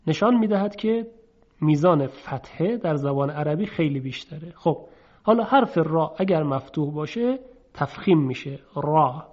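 A man's voice: on the high side, a little mellow. A man teaching a recitation lesson, patiently explaining step by step and sounding out example letters by drawing them out. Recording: dull lo-fi recording.

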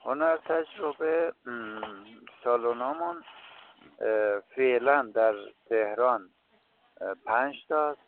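A man's voice: mid-range voice, lively intonation, phone-quality sound. A man answering questions as a filmmaker in a radio interview, hesitant and full of filler sounds. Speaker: filmmaker guest.

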